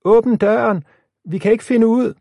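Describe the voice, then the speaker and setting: A man's voice: mid-range voice, dry recording, clean studio sound, voice pushed up, natural voice. A man voicing a brave, protective teenage girl in an audiobook story, calling out urgently. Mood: desperate. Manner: shouting, urgent.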